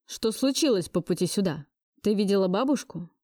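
A woman voicing a brooding, possessive young man in an audiobook, speaking low and insistently. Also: expressive, fairly quick, darkish tone, no echo, studio quality, close to an everyday voice. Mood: stern. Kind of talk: audiobook dialogue.

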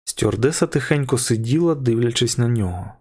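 A male audiobook narrator reading a suspense story. He keeps an even, measured storytelling pace, at a middle pitch. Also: breathy edge. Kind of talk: scripted narration.

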